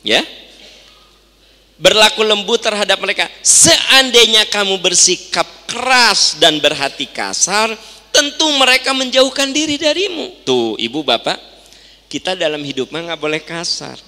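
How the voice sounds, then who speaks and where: A man's voice: high-pitched, unhurried. A middle-aged man with a Sundanese accent preaching in a mosque, chatty and questioning his listeners, acting out little everyday scenes. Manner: lively, chatty, quizzes the audience, acts out little scenes. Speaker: Islamic preacher. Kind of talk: sermon. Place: mosque hall. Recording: reverberant mosque hall.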